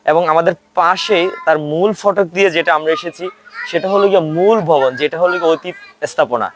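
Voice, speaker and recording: A man's voice: a little high, fairly quick, fairly bright tone, a little hiss or hum. Man narrating a tour with hesitant fillers. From Bangladesh. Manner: formal, with frequent hesitant "ah" fillers. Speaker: travel vlogger and tour guide. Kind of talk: touring narration of a historic estate.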